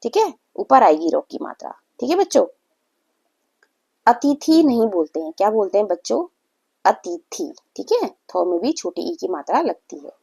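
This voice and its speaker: A young woman teaching a grammar lesson to children, patient, repeating words slowly and often checking in with the class. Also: medium pitch, sing-song, gravelly, mellow, slightly rough. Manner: frequent "theek hai" check-ins.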